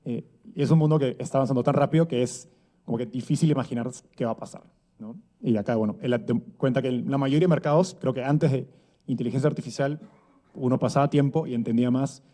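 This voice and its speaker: A man's voice: medium pitch, fast talker, dark tone. A man, giving a conversational talk at an event with many fillers and rhetorical tags. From Peru. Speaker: speaker giving a conference talk. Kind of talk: conference talk. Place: event stage before an audience.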